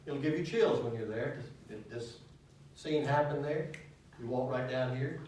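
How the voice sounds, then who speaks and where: A man leading a church Bible study, animated and asking his listeners questions as he teaches. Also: mid-range voice, unhurried, slight background noise. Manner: animated, asks questions of the class. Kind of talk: teaching sermon. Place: church hall. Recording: echoey hall, mic at a distance.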